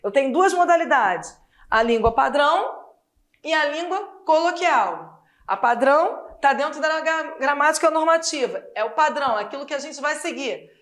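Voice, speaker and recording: Here a Portuguese teacher with a Brazilian Portuguese accent gives an exam-prep lesson at normal speed. Her voice is high-pitched, and her delivery is lively and conversational, full of rhetorical questions.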